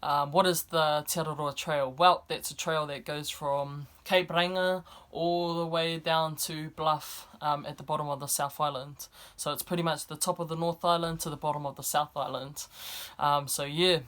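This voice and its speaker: A woman's voice: low voice, fairly even intonation, moderate pace, hardly any pauses, a bit bright. Young New woman. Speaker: vlogger. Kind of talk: casual vlog talk to camera. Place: indoors, speaking to camera.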